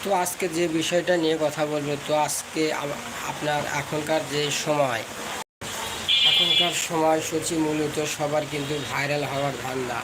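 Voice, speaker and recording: A man's voice: fairly high pitch, fairly even intonation, moderate pace. A man with a Bangladeshi accent hosts a casual livestream, chatting to viewers with heavy rain around him. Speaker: livestream host. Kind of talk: casual live chat to viewers. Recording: loud ambient rain and traffic noise. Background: heavy rain, vehicle sounds.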